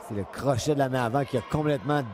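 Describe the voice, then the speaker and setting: A man's voice: mid-range voice, fast, over music. A man with a Quebec French accent giving live, unscripted boxing commentary, analytical and often repeating his phrases.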